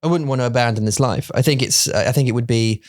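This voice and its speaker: A man's voice: mid-range voice, fast. A middle-aged man co-hosting a podcast, rambling in casual chat and acting out little scenes with put-on voices. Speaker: podcast co-host.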